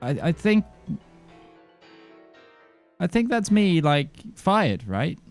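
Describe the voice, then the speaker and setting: A man's voice: high voice, sing-song, slow, faint music behind. A man hosting a quiz segment on a live show, joking and self-deprecating. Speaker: quiz host.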